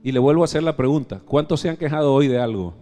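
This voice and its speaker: A man with a Venezuelan accent preaching a live church sermon, emphatic, firing questions at the congregation and swinging from loud exclamations to soft low asides. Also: animated, fast, soft background music. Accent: Venezuelan Spanish. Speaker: pastor. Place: church service.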